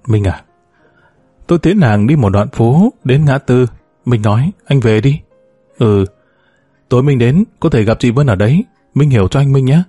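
Calm man narrating a story, dark voice. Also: medium pitch, dry recording. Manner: calm, even storytelling, quoting every character in the same voice. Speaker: audiobook narrator. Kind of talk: first-person story narration.

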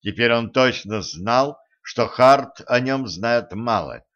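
A man narrating an audiobook in a calm, steady storytelling manner. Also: medium pitch, takes it slowly, muffled recording.

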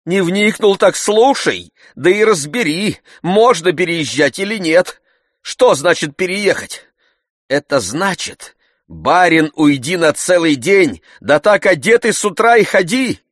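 Brief: man voicing a fretful idle gentleman, whiny and exasperated, dry close sound. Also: medium pitch, unhurried, dry recording, big-room sound, pitched above the performer's own voice. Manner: exasperated, whining outbursts. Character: idle, fretful gentleman landowner, self-pitying. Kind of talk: audiobook reading.

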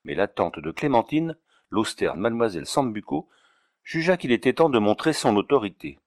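A man narrating a classic novel in a measured, expressive reading. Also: fairly low pitch, no echo, clean studio sound. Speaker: audiobook narrator.

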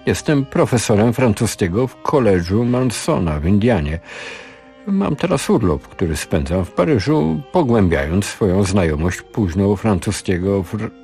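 A man's voice: fairly low pitch, lively intonation, moderate pace, warm tone, soft background music, pitched above the performer's own voice. A man voicing a modest American professor lost in the past, speaking in a flustered, hesitant way.

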